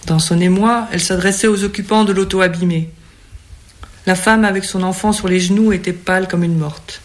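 A narrator reading a novel aloud in measured, even storytelling. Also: mid-range voice. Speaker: audiobook narrator. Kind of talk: scripted narration.

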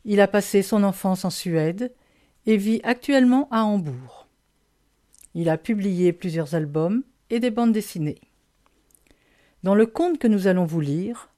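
A woman reading a children's picture book aloud, gentle and expressive, with a lively storytelling emphasis. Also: mid-range voice.

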